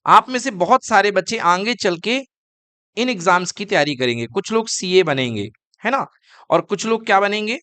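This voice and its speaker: A man lecturing a class, and he keeps asking questions and then answering them. His voice is smooth and resonant, recorded close and dry. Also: sits high, expressive, moderate pace, sharp tone, no echo. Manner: asks students questions and answers them himself; calls students kids and beta. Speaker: teacher.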